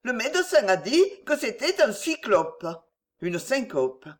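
A woman's voice: on the high side, very animated, measured pace, voice pushed up. A woman voicing a bold, impudent old beggar woman who pleads and answers back. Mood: cheeky.

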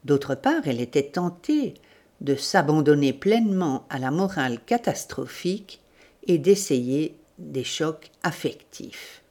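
A woman narrating a literary novel in a measured, deliberate reading. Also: low voice, expressive, darkish tone. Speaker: audiobook narrator.

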